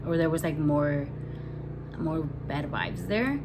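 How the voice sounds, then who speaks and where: A woman's voice: low voice, slow. A young woman telling a story to her camera, rambling and spooked, with "like" in almost every sentence. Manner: rambling, nervous, heavy use of "like" as filler. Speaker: vlogger. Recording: home video with steady outside noise. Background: building-washing noise outside.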